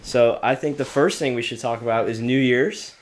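A man's voice: medium pitch, normal speed, a little hiss or hum. A young man hosting a casual podcast, upbeat as he chats and reads out trivia questions. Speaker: podcast host. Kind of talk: casual chat.

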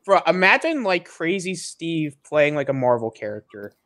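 A young co-host talks animatedly on a casual podcast, using lots of slang. The voice swings up and down in pitch and laughs often. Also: big pitch swings, moderate pace, a bit bright. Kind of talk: casual chat.

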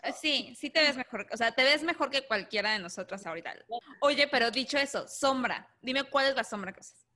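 A woman interviewer talks in an easy, breezy way, sprinkling in English words. Her voice sits a little high and sounds bright and clear. She keeps the conversation light and moving. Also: lively intonation, brisk. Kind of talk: casual chat.

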